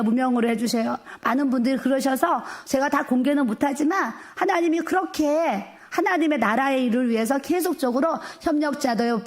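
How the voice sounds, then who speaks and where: A middle-aged woman, a pastor's wife, giving a sermon that tells her own story with emotion and acted quotes. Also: a little high. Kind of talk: testimony sermon.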